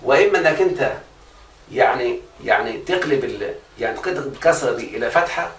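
A man's voice: medium pitch, expressive, quick pace, fairly bright tone. A man with an Egyptian Arabic accent teaching a religious grammar lesson, constantly quizzing his students on whether they follow. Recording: echoey room, far from the mic, faint noise.

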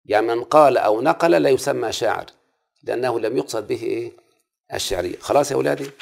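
In a classroom lesson on Arabic prosody, an Egyptian-accented man goes over the rules again and again, checking his students' understanding with many questions. He talks quickly in a gravelly, mid-range voice.

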